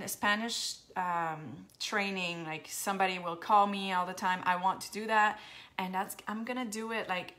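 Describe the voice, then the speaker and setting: On a Facebook live, a makeup seller from New Brunswick, Canada, chats casually with viewers, answering their comments in an Acadian French accent. Her voice is mid-range with a sharp tone, and she slips into English now and then, sometimes dropping to near-whispers.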